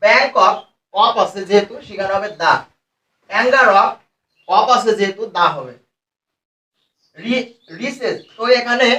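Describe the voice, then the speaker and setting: High-voiced Bangladeshi man teaching grammar. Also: bright, forceful tone. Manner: explains step by step, reads phrases out slowly. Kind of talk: grammar lesson. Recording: echoey room, mic at a distance.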